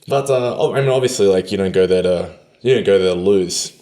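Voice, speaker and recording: A man with an Australian accent talks in a very low register, relaxed and slangy. He laughs easily as he chats as a podcast guest. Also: normal speed. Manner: laid-back, laughs often, slangy. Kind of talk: casual interview chat.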